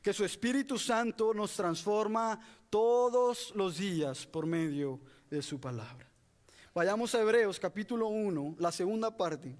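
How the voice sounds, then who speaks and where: A man's voice: sits high, a little slow. A man preaching an expository sermon, earnest and direct, often calling his listeners "brother". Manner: earnest, addresses listeners as "hermano".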